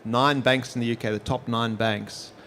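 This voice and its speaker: A South African technology executive in his forties, appearing as a guest at a live podcast on an expo stage, explains things in easygoing conversational answers. His medium-pitched voice is steady and a bit bright at a moderate pace, with slight background noise.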